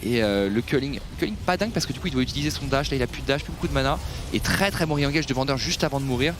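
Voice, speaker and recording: A man's voice: mid-range voice, expressive, rapid-fire, background noise. A man giving analytical esports commentary, breaking down team fights and replays.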